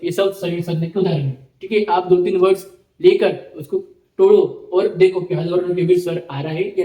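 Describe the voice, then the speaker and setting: High-pitched male teacher, roomy echo. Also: dark tone. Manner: explains step by step, repeats terms, checks in with "ठीक है". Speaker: Sanskrit teacher. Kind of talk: online lecture.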